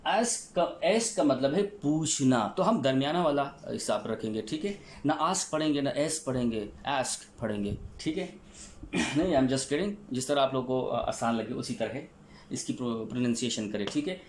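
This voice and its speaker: A man's voice: mid-range voice, moderate pace, a little hiss or hum. A man with a Pakistani accent teaching a recorded vocabulary lesson, spelling words letter by letter and checking in with "theek hai" after each one. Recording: echoey room.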